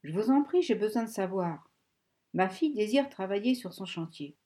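A woman's voice: mid-range voice, lively intonation, moderate pace, dark tone, close to an everyday voice. A woman reading a firm young woman. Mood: urgent.

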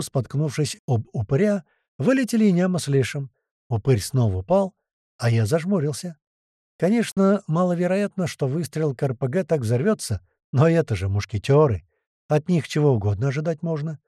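A man narrating an audiobook in the first person, with lively, slangy storytelling. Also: fairly high pitch, normal speed, no room sound, clean studio sound.

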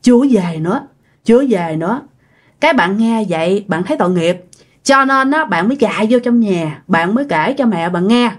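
A woman's voice: mid-range voice, animated, brisk. A woman telling a ghost story in a chatty, folksy way. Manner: chatty, folksy, acts out quoted voices. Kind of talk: casual ghost story narration.

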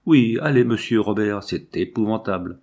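A man's voice: lowish voice, a little mellow. A man reading aloud and voicing a severe but kindly older householder. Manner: measured, severe.

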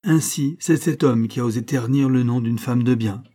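A man's voice: mid-range voice, normal speed, warm tone, natural voice. A man reading an audiobook who voices a proud young queen, speaking firmly and demanding justice. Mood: indignant. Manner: firm, indignant, demanding.

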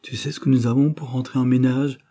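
A man voicing a weary young woman who pleads softly and timidly. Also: mid-range voice, flat delivery, fairly quick, pitched above the performer's own voice, lightly acted.

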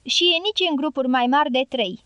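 A woman's voice: high voice, sharp tone, no room sound. A woman voicing a suspicious male soldier who questions and orders a stranger from behind a parapet in an audiobook. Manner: suspicious, commanding. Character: wary male soldier guarding a trench.

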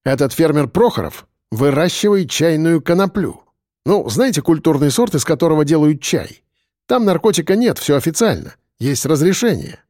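Brief: man playing a worn-out, measured police chief in an audiobook, mellow voice, dry sound. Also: a little high, no room sound. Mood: weary, even. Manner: weary, even and measured. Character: tired, weary middle-aged male police lieutenant colonel. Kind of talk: audiobook reading.

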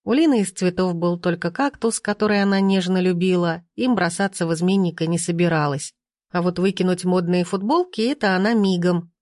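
A woman reading an audiobook aloud with slow, measured narration. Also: lowish voice, a little mellow, no echo, studio quality. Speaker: audiobook reader.

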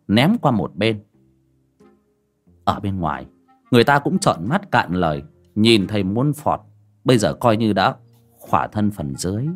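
A man narrating a horror audiobook with dramatic storytelling. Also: on the low side. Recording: faint background music.

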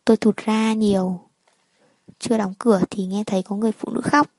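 A woman telling a first-person story in a plain, even narrating manner. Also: mid-range voice, fairly quick, no echo, low-quality recording.

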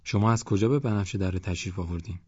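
A deferential young villager, put on by a male reader asks his questions with hesitation, his voice low and husky. The recording is dry and dull. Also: dark tone, no room sound. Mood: polite.

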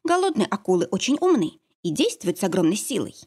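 A woman's voice: medium pitch, big pitch swings, quick pace, darkish tone, husky. A woman reading an audiobook, voicing a fierce young heroine who snaps and growls orders. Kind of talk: audiobook character voice.

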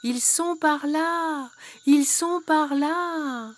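A woman reading a storybook aloud, voicing kindly forest trees that speak slowly and airily. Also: high-pitched, pitched above the performer's own voice. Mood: guiding.

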